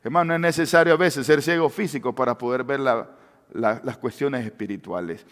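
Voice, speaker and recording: A man preaching a sermon with passion, swinging between loud cries and hushed words. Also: medium pitch, a little fast. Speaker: pastor. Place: church sanctuary. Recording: long church-hall reverb.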